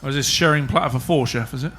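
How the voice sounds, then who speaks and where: Bright-voiced man bantering at a cookery demo. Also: mid-range voice. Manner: jokey, teasing, halting restarts. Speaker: chef co-presenting a cooking demonstration. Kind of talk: live demonstration banter with audience. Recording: live event with clear background noise.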